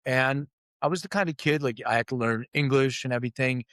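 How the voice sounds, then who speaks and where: As a guest on an interview, a middle-aged CEO from Lithuania, brought up in Philadelphia, shares his life story frankly and pokes fun at himself while imitating the voices he quotes. He speaks briskly in a slightly bright mid-range voice. It's studio-quality audio with no room sound.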